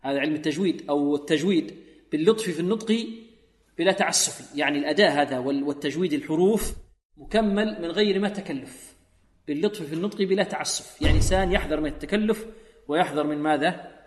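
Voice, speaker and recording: A male Quran recitation teacher giving a tajweed lesson, explaining rules, asking questions and slowly drawing out verses to demonstrate. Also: fairly high pitch. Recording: echoey room with long reverb.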